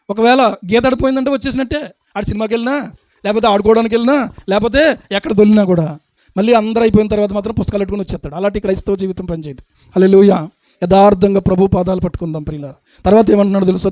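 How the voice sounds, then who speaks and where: Male pastor, high voice, dry close sound, preaching with constant rhetorical questions. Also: darkish tone, dry recording. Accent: Telugu. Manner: rhetorical questions to the congregation, acts out little scenes. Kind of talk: sermon.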